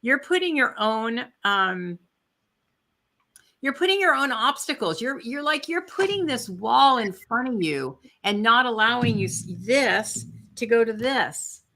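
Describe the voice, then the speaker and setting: A woman's voice: fairly high pitch, very animated, a little slow, pushed and bright. A woman giving a chatty, encouraging spiritual card reading with asides and fillers, while she has the hiccups. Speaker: intuitive card reader.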